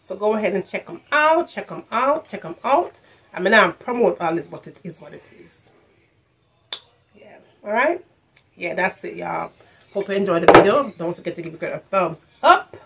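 In a furnished room at home, a middle-aged woman with a Jamaican accent casually reviews her shopping haul on camera, lapsing into patois and repeating phrases for emphasis. Her medium-pitched voice is lively and fairly bright, with vocal fry and a normal speed, over a slight hiss or hum.

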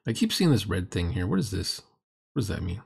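A middle-aged host reacts to a recorded roleplaying game with blunt, mocking, sarcastic commentary. His voice is low, husky and full of vocal fry.

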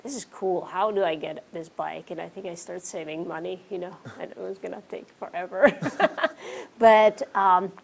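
Speaking at a normal pace with a gravelly edge, this low-voiced woman from the Czech Republic is a pro cyclist being interviewed indoors in a small studio hung with curtains. Her answers are casual and relaxed, full of "um" and "you know."

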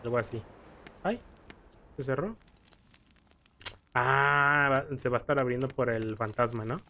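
With a sharp tone and an unhurried, mid-range voice, a young Mexican-accented man chats over gameplay set to game music. He rambles and stammers through his stories, acting out frightened lines.

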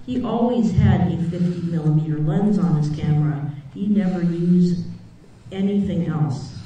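A man co-presenting a convention photography workshop, adding slow, brief comments. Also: sits high. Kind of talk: live convention workshop talk. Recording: dull, echoey, distant room sound.

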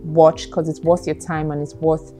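A woman co-hosting a casual film review, lively and teasing with quick interjections. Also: sits low, faint music behind. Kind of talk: casual movie review chat.

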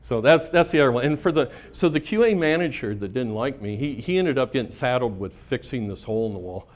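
A man's voice: mid-range voice, animated, a little fast. A middle-aged man giving a casual conference talk, telling anecdotes in a profane, self-amused way and often checking in with "right?". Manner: casual, profane, laughs at his own stories, keeps tagging "right?". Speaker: conference speaker. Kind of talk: storytelling talk to a live audience.

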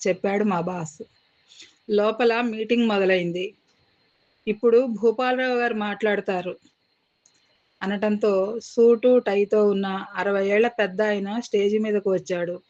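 A woman narrating a short story as an audiobook, reading in a measured, expressive way and voicing the characters' lines. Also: medium pitch, muffled recording.

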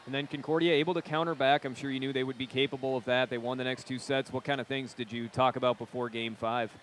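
A young male sports interviewer with a mid-pitched voice and a brisk pace. He speaks live into a headset mic in a gym, with faint noise around him. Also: flat delivery, fairly bright tone. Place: indoor sports gym with bleachers. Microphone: broadcast headset. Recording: clear background noise of a gym.

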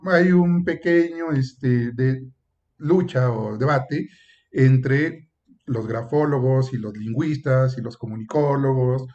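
A male professor lecturing in an even, mid-pitched voice, explaining point by point and filling pauses with hesitant fillers. He now and then slips into short acted exchanges to make a point. The recording sounds muffled and lo-fi. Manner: explanatory, with frequent "eh" and "este" fillers; acts out short example dialogues. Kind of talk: university lecture.

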